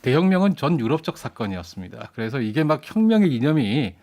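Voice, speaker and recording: A man speaking as a guest commentator in a radio studio, talking quickly in a lecturing, explanatory way. His pitch sits in a middle range. He restarts phrases now and then as he builds his point. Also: big pitch swings, darkish tone. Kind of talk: radio current-affairs discussion.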